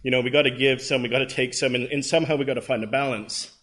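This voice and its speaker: A man's voice: mid-range voice, steady tone, quick pace, fairly bright tone. A man in his thirties from Canada with a Canadian accent, giving an earnest, conversational Bible class talk with frequent ums and restarts. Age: 30s.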